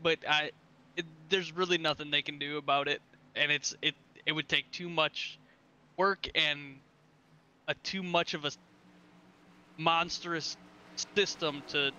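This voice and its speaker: A man's voice: a little high, steady tone, measured pace, sharp tone. A man giving casual race commentary and banter as a co-commentator. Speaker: sim racing co-commentator.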